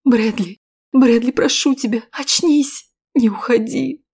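A fierce, anguished young heroine from an audiobook story, her cries shooting high and loud above her normal reading voice. A woman reads her out, straining into shouts. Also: measured pace, husky. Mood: pleading. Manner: screaming, pleading cries.

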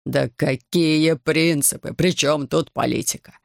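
A man voicing a distraught heavyset businessman begging for help for his arrested son, in a slow, broken, pleading way. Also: a little high, fairly even intonation, creaky, no room sound, clean studio sound. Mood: desperate pleading. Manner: desperate, pleading, slowed and broken.

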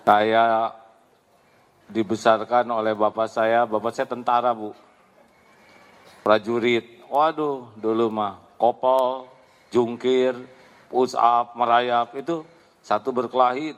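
A man giving a lively Islamic sermon, answering a question, acting out voices and laughing often. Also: mid-range voice. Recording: long hall reverb.

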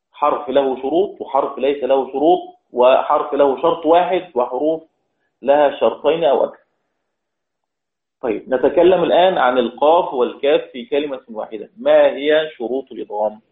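Man teaching recitation, tinny echoey sound. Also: a little high. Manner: explains step by step, repeats key words, draws out recited examples slowly. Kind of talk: religious lesson.

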